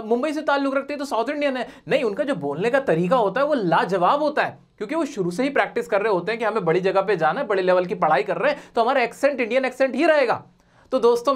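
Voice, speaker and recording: A man teaching a spoken English video lesson. He talks earnestly and directly, keeps checking in by asking whether the viewer has understood, and slows down to model English words one by one. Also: sits high.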